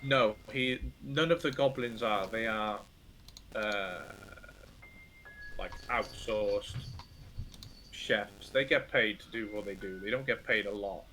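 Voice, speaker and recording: A man improvising narration as a tabletop game master, halting and informal, with the odd mild swear. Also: on the low side, pushed and bright, a little hiss or hum.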